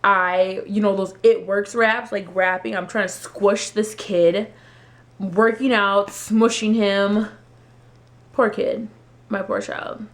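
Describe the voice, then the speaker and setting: A young woman vlogger casually telling a personal story, animated and acting out quotes in a higher voice. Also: slow.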